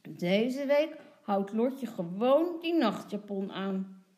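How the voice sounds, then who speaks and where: A woman's voice: fairly high pitch, slow. A woman playing a firm storybook father. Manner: firm, loud and steady. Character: father, firm but reasonable.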